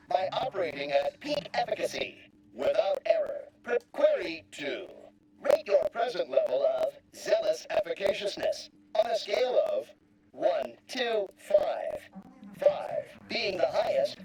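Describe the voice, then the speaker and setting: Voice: mid-range voice, rough recording. An actor voicing an officious, rigid bureaucratic machine in a video game, speaking in formal, stilted, wordy phrases. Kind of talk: scripted game dialogue.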